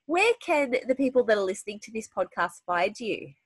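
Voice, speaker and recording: A podcast host with a fairly high, sing-song, slightly rough voice chats briskly in a casual interview, with no echo. A head cold leaves her nasal and congested, and her talk is full of fillers and restarts.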